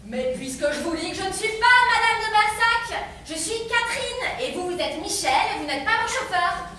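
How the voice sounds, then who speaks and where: Woman acting a grand high-voiced lady, echoey stage. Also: expressive, normal speed, a bit bright. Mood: exasperated. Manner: theatrical, formal, dryly ironic. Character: grand, world-weary lady of the house, exasperated then resigned. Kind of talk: theatrical stage comedy acting. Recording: distant, very echoey, noisy stage recording.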